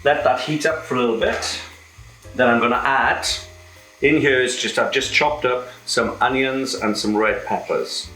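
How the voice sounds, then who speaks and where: A man's voice: medium pitch, fairly even intonation, moderate pace, pushed and bright, echoey room, soft background music, low-quality recording. A British man with a camp, cheeky manner, casually presenting a cooking demonstration as a home cook. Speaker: home cook presenting own recipe show. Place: indoor kitchen.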